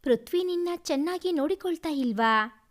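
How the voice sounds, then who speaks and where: A woman doing a gentle, regretful father. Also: high voice, expressive, moderate pace. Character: worried middle-aged father, gentle and regretful.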